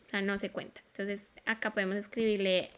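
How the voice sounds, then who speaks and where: A woman's voice: mid-range voice, little pitch movement, a little fast, background noise. A woman teaching an English class in Spanish, patiently repeating sounds and checking that students follow. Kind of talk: online class explanation.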